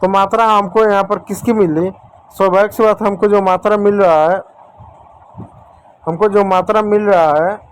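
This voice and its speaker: A man's voice: high voice, steady tone, moderate pace, long pauses, clean tone. A man teaching a spelling lesson at a whiteboard, patient and repetitive, talking to viewers as children and friends. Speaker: English teacher.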